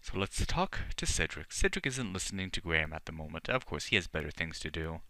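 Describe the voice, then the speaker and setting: Man, let's play host, low pitch, lively intonation, mock-grand casual commentary, game music behind. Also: a little fast, no room sound.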